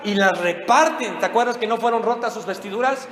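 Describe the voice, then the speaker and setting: Male preacher, high bright voice, dramatic storytelling, very echoey church hall, long reverb. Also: brisk, slight background noise. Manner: dramatic retelling, asks the congregation questions. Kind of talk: sermon.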